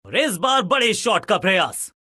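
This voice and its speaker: A man giving excited cricket commentary as a commentator, with dramatic, flowery exclamations. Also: high voice, moderate pace, slightly rough, no echo, studio quality.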